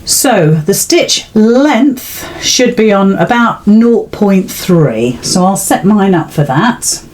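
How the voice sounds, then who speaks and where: This British sewing host talks slowly and expressively in a medium-pitched, darkish voice. Her step-by-step craft demonstration is informal, chatty and reassuring.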